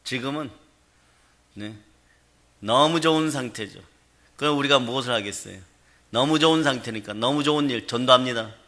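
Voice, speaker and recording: A man's voice: mid-range voice, normal speed, long pauses, pushed and bright. A man preaching a sermon as pastor, emphatic and often calling out to the congregation. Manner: emphatic preaching with frequent call-outs to the congregation.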